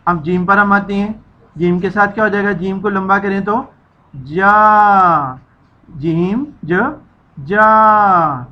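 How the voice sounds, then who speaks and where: A woman's voice: mid-range voice, slow pace, lo-fi sound. A woman teacher giving a children's reading lesson, stretching out syllables and repeating each sound for the children to echo.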